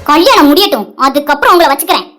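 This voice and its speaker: A bossy, sharp-tongued young village woman from a cartoon, voiced by a woman. She has a very high voice and a Tirunelveli Tamil accent. Her sarcastic lines come out at a rapid-fire pace. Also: lively intonation, faint music behind.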